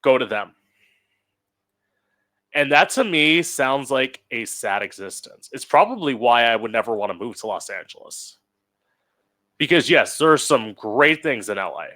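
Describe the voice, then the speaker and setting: Slow, campy drag queen host. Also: medium pitch, animated, sharp tone. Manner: blunt, opinionated, swears freely. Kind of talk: opinion monologue.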